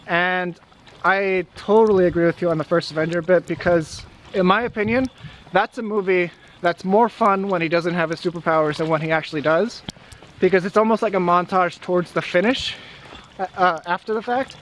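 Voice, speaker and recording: A man's voice: sits high, moderate pace, fairly bright tone, a little hiss or hum. A young man co-hosting a casual vlog outdoors in the snow, reading viewer comments and chatting with hesitant fillers and restarts. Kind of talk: casual chat.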